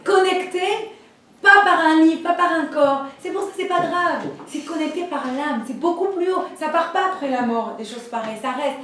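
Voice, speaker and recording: Woman, high voice, lively storyteller, very echoey room, voice from far off. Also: normal speed, a little hiss or hum. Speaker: Torah teacher. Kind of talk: storytelling class.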